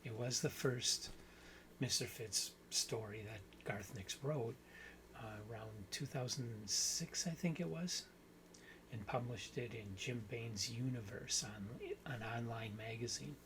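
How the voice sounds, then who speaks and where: A man's voice: mid-range voice, unhurried, background noise. A man hosting a book channel, talking through a story in a casual, rambling way and correcting himself as he goes. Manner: rambling, self-correcting, thinks aloud.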